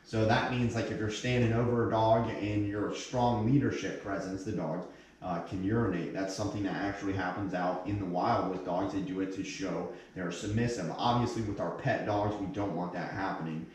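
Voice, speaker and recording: A man's voice: lowish voice, steady tone, moderate pace, a little mellow. A man in his thirties working as a dog trainer, giving a casual demonstration with short, firm commands and praise for the dog. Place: indoors, hard-floored living room. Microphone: distant fixed camera. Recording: echoey room, far from the microphone.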